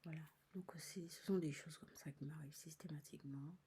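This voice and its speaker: A woman talking to her viewers in a soft, whispered voice, halting and repeating herself as she searches for words. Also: low-pitched, steady tone, slight background noise. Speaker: spiritual video host. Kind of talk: whispered evening talk to viewers.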